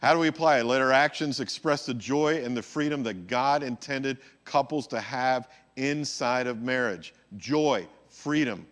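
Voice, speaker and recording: A man's voice: mid-range voice, unhurried, few pauses, fairly bright tone. Conversational man preaching a sermon. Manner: conversational, checks in with the audience. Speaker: pastor. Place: church.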